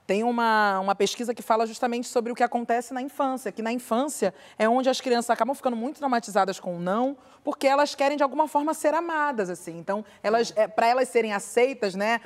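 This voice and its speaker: A woman's voice: fairly high pitch, fairly quick, few pauses. A woman on a panel chat, speaking about research on childhood.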